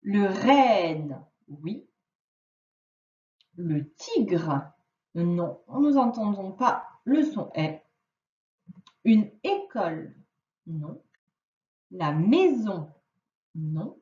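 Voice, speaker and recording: Woman teacher for a young kids' phonics lesson: slow, lively pitch, roomy, dull recording, off-mic. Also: far from the mic. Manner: slow, clearly articulated, sounding out each word.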